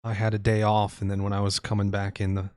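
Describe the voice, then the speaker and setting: A man plays a rattled villager who stumbles through every sentence. The voice sits low, and the sound is close and dry. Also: completely flat delivery, a little mellow, no echo, close to an everyday voice. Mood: shaken. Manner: hesitant, halting speech with restarts. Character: shaken, reluctant local who found a body.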